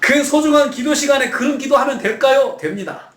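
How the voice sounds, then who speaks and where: A man's voice: extremely high pitch, fairly quick, echoey room. A man preaching a sermon as pastor, earnest and at times pleading. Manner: earnest, acts out pleading prayers with rising voice. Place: church sanctuary.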